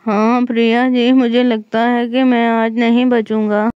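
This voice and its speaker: A woman's voice: on the high side, little pitch movement, measured pace, clear, resonant tone, no echo, muffled recording, close to an everyday voice. Woman playing a groaning young husband. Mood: pleading. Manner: groaning, pleading. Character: young village husband with bad stomach ache. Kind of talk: doll story role-play.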